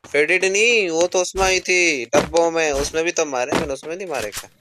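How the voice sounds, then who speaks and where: Young guy streaming a shooter game, chatty, loud noise all over the recording. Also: fairly high pitch. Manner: chatty, quick bursts of excitement and grumbling. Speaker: gaming streamer. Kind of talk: casual gameplay commentary.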